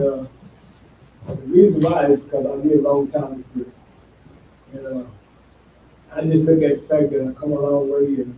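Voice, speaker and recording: A man in his fifties giving a plain, halting testimony to a recovery group, pausing often. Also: mid-range voice, reverberant, distant mic, highs cut off, a little hiss or hum. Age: 50s. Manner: plain, halting, repeats himself with many "uh"s. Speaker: recovery house resident. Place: recovery house meeting room.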